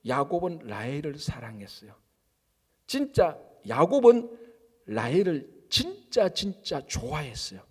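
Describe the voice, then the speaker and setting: A man's voice: on the high side, a little mellow, big-room sound. A male pastor preaching at an early-morning service, asking rhetorical questions and answering them himself. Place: church sanctuary.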